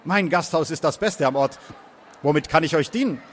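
A man voicing a gruff portly innkeeper. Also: a little high, normal speed, a little hiss or hum, close to an everyday voice. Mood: wary. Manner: gruff, suspicious questioning.

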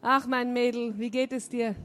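A woman's voice: a little high, little pitch movement, normal speed, natural voice. A woman reading aloud and voicing an exuberant, boisterous man coming back home, laughing as he talks. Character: exuberant loud middle-aged man returning home.

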